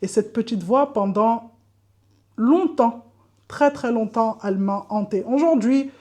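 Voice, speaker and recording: A woman's voice: on the high side, a little slow, darkish tone. A woman telling a candid personal story to camera, often repeating words for emphasis. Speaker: vlogger.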